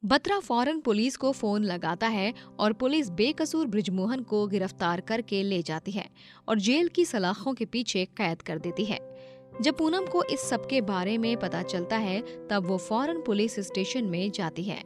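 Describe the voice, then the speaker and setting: A woman's voice: mid-range voice, animated, unhurried, music in the background. A woman reading scripted narration as the storyteller of a moral story.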